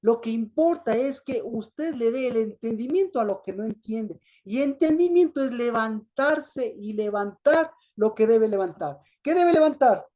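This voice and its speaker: A woman's voice: on the high side, lively intonation, a little slow, hardly any pauses, warm tone. A woman preaching a sermon, asking her listeners questions and answering them herself, repeating herself for emphasis. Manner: repetitive, emphatic.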